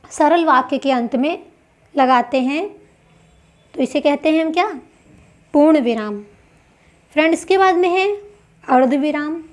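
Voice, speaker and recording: A woman teaching a grammar lesson for exam prep. She explains step by step and asks questions that she then answers herself. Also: high voice.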